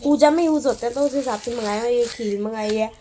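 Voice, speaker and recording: The young family vlogger speaks fast in a warm, high-leaning voice, with a bit of hiss or hum on the recording. At home, she chats loosely with viewers, drifting through stories and cooing to a baby in between.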